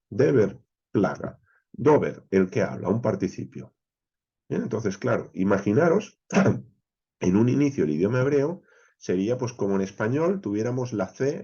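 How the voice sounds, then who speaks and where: A man from teaching a Bible class, explaining step by step, with frequent "eh" pauses, often checking in with "¿vale?" and "¿bien?". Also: mid-range voice, mellow, slightly rough, dull audio. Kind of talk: expository Bible class lecture.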